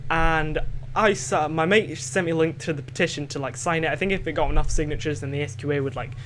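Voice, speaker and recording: A teenage boy with a light Scottish accent hosts a home podcast, rambling casually and hesitantly with lots of fillers and restarts. His voice is on the high side and fairly bright, with fairly even intonation and a fast delivery. A little hiss or hum sits under the recording.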